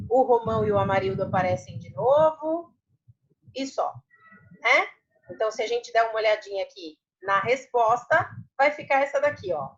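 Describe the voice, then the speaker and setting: Brazilian lady teacher going over answers, patient, says "né" a lot, kinda muffled. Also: on the high side. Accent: Brazilian Portuguese. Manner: patient, repeats words, many tag questions. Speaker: primary school Portuguese teacher. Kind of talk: online class explanation.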